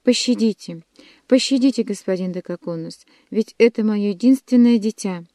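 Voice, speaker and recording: A woman's voice: medium pitch, normal speed, dark tone, no echo, studio quality, close to an everyday voice. A woman reading aloud and voicing an elderly father who frantically begs for his son's life. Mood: pleading. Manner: begging, frantic. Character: desperate elderly father pleading for son.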